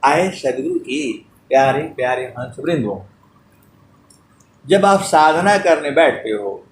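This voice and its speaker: Male preacher giving a devotional sermon, slow chant-like delivery, sung verses between teaching, pitched a bit high. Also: echoey room, slight background noise. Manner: addresses listeners fondly as dear devotees. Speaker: spiritual preacher.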